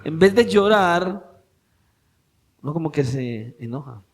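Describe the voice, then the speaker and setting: A man with a notably high voice preaches to his congregation in church. He presses his points with rising emphasis, then drops into soft, intimate asides, and keeps turning rhetorical questions on his listeners. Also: lively intonation, takes it slowly. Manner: swings between raised emphatic preaching and quiet intimate asides. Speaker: pastor. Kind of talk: sermon.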